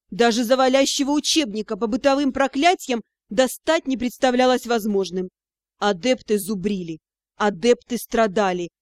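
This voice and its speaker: A woman reading a first-person story aloud, lively and expressive. Her voice is bright and high. The recording is close and dry, with no room echo. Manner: expressive storytelling with acted dialogue. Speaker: audiobook narrator. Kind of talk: scripted first-person narration.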